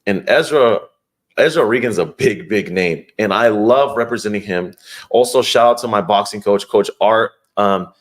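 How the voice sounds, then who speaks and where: A man's voice: lowish voice, normal speed. Earnest young man telling a story. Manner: earnest, rambling with restarts, heartfelt. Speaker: podcast guest, fighter. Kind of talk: casual storytelling interview.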